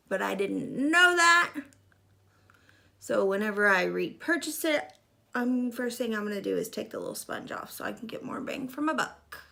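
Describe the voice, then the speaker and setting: Her voice is medium-pitched, pushed and bright, with a gravelly fry, as this mid-thirties makeup vlogger chats through her routine with self-deprecating little asides. A fixed camera sits at arm's length in the small room, where she's seated before a gray curtain.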